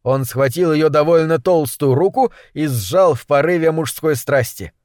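A man narrating a short story in a measured, even storytelling manner. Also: a little high, dry recording, clean studio sound. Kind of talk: audiobook story reading.

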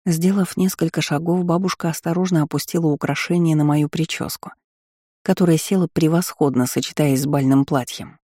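A man narrating an audiobook in a calm, even reading voice. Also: a little high, a little fast, no echo, studio quality. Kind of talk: scripted narration.

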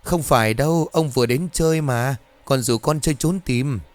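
A man's voice: mid-range voice, normal speed, soft background music, natural voice. A man voicing a small child in a horror story, with a raised childlike tone. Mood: innocent. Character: innocent little boy.

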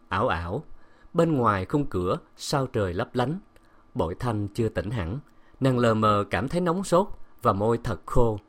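A man narrating a dramatic novel aloud in a steady, expressive audiobook reading. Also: fairly low pitch. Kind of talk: audiobook storytelling.

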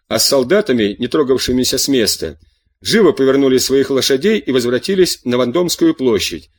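A man reading a classic novel aloud as an audiobook narrator, steady and measured. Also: mid-range voice.

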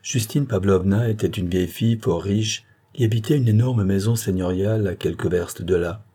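A man reading a classic novel aloud in a calm, measured narration. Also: lowish voice, breathy edge. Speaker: audiobook narrator. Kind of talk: scripted narration.

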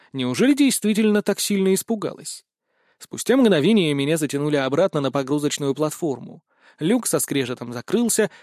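A man narrating a first-person audiobook in a lively, expressive way. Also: a little high, dry recording, studio quality.

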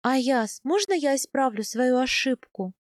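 A woman reading an audiobook, voicing a young noblewoman wife in a bright, lilting, teasing tone. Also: sits high, lively intonation, unhurried, no echo, studio quality. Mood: earnest.

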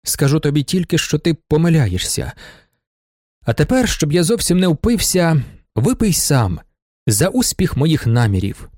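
A middle-aged merchant, brooding and guarded, with a wry, curt way of talking, voiced by a male narrator. The voice is slightly high and rises and falls widely. The recording is dry and close. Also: very animated, unhurried, a little mellow, no echo.

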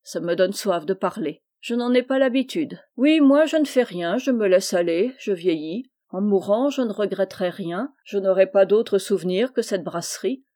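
A world-weary male drunkard, as a woman reader puts him on, speaking in a flat, placid way that never rises. His voice is dark and mellow, at a middling pitch, in a storybook reading. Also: moderate pace, few pauses, natural voice. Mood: weary, resigned. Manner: calm, even, world-weary delivery.

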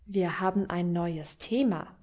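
A woman's voice: lowish voice, unhurried, darkish tone, pitched below the performer's own voice. A woman voicing a sardonic, practical man in an audiobook reading, dry and mocking.

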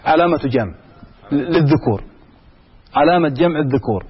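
Male teacher with a husky, animated voice quizzing a class; dull lo-fi sound. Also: a little high, normal speed. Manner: quizzes students with repeated examples. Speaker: grammar teacher. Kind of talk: classroom lesson.

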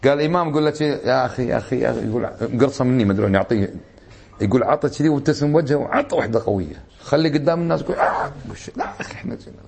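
A man with a Kuwaiti Arabic accent, a sheikh teaching a religious lesson in a lively storytelling way, acting out the people he quotes. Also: medium pitch, racing, gravelly, a little hiss or hum.

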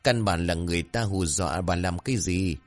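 A gruff, stern old countryman, voiced by the narrator in an audio story. His low voice scolds his wife firmly. Faint music sits underneath. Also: fairly quick, close to an everyday voice. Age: older. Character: stern old village husband, worried and gruff.

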